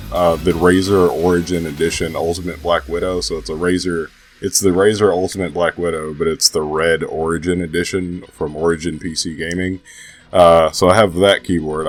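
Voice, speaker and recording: Deep-voiced young man, stuffy-nosed with a cold. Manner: laid-back, profane, hesitant rambling. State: sick with a cold. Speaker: gaming vlogger. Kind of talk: casual rambling vlog.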